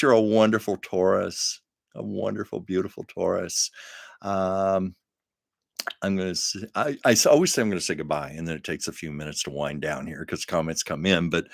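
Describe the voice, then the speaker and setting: Deep and creaky with a slightly bright edge, this man's voice comes through clean and studio-like, with no room sound. He runs his own livestream from home, laughing a lot as he chats casually with viewers, recorded via the camera on his setup.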